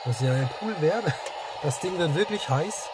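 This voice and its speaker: A Southwestern man with a fairly high, animated voice talks at normal speed as he tries out a CB radio, vlogging casual commentary from a car parked in the woods. Loud static and radio hiss fill the noisy in-car recording.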